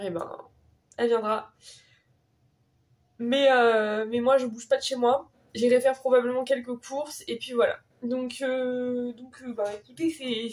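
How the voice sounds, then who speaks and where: A young woman with a stuffed-up, nasal, sore-throat voice from a cold, chatting casually in a rambling, self-correcting way for a vlog. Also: on the high side. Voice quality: congested, nasal voice from a cold with sore swollen tonsils. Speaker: vlogger.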